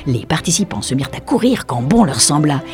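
A woman narrating a storybook as an audiobook reader, in an expressive, measured way. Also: low-pitched, over music.

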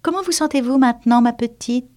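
A woman's voice: sits high, fairly quick, darkish tone, voice pushed up, close to an everyday voice. A woman voicing a small, self-important and touchy mouse in an audiobook reading. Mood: pompous, prickly. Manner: self-important storyteller, prickly. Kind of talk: audiobook character voice.

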